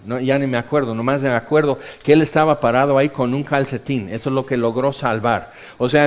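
A man with a Mexican accent preaching a sermon, swinging between loud exclamations and hushed asides. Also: mid-range voice. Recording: dull lo-fi recording.

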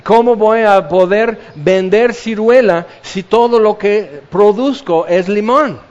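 High-voiced preacher, lo-fi sound. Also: male voice, slow pace, a little mellow, long reverb tail. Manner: conversational preaching with acted-out quotes. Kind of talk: sermon. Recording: dull lo-fi sound.

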